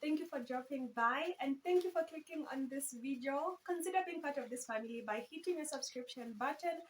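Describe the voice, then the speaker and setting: Giggly, high-voiced young woman vlogger. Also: a little fast, a little hiss or hum, poor audio. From Zambia. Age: 20s. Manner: giggly, playful and chatty. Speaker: YouTuber. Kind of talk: casual Q and A vlog. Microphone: camera phone.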